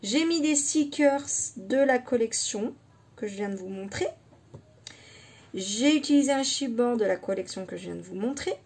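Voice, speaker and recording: A woman scrapbooking vlogger giving a casual show-and-tell of her craft project, unhurried and hesitant, thinking aloud as she shows each item. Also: fairly high pitch, animated, a little mellow, breathy edge.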